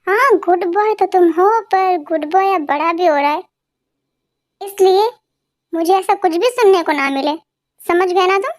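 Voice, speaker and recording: A woman voicing a protective older sister who gently scolds and fusses like a mother. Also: very high-pitched, unhurried, pauses often. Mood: warning. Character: caring protective older sister, runs a cafe. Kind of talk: Hindi fan dub story acting.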